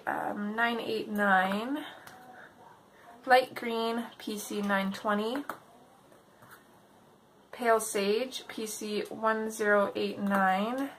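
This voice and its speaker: A woman hosting a casual coloring tutorial, thinking aloud in an unhurried way, her voice slightly off from a mild sore throat. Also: medium pitch, a bit bright, rough recording. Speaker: host of a coloring tutorial video. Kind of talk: casual tutorial chat while working. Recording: clear background noise.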